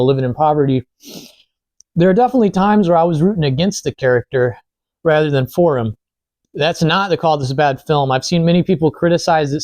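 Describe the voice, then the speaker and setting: A man's voice: fairly high pitch, darkish tone, no room sound. A man giving a casual, informal film review, speaking conversationally with some mild swearing. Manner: informal, lightly profane. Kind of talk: casual film review chat while eating.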